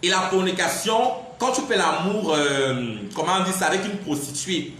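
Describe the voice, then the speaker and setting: A man's voice: high-pitched, moderate pace, a bit bright. A man giving a defiant live-stream monologue, repeatedly insisting "I'm sorry" and "in fact.". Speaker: livestreamer. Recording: very echoey room, faint background noise.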